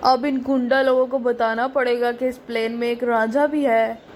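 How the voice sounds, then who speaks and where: A woman's voice: on the high side, level tone, moderate pace, darkish tone, slight background noise, lightly acted. A woman voicing a brave, sly young army officer in a doll story. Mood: cocky. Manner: cocky, playing innocent. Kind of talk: doll story role-play.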